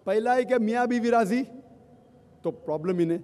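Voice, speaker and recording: A man's voice: extremely high pitch, a little fast, darkish tone. A male Islamic speaker answering audience questions at a public lecture, counting off his points one by one and mixing in English phrases. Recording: long hall reverb.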